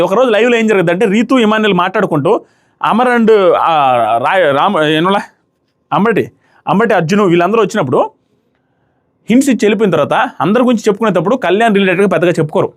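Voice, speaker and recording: Casual and opinionated, this young reality show reviewer speaks in a high voice. His commentary is emphatic, with rhetorical question after rhetorical question.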